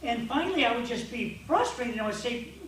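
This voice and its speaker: A man coaching a group of men, telling stories in an animated way that keeps restarting. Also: very high-pitched, brisk, slight background noise. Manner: storytelling, animated and repetitive, with restarts. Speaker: men's coach. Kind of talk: church coaching talk to men. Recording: echoey hall from far off.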